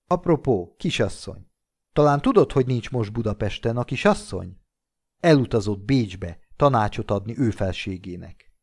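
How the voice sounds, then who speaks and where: A man voicing a wry elderly gentleman with a cane, teasing his old friend in an audiobook reading. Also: on the low side, animated, husky. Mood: bantering.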